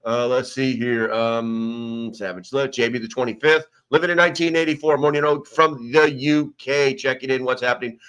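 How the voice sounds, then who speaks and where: Speaking clearly at normal speed with few pauses, an American livestream host rambles through names from his chat. His mid-range voice is steady, fairly bright, and resonant, picked up by a small desk mic in a sparse, almost empty room.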